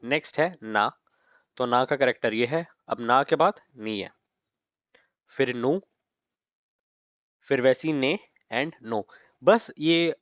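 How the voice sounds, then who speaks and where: A man's voice: medium pitch, no echo. Man teaching patiently, dry close sound. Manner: patient, repeats "ठीक है" and "okay" often. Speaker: Japanese teacher. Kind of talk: classroom lesson in Hindi mixed with English.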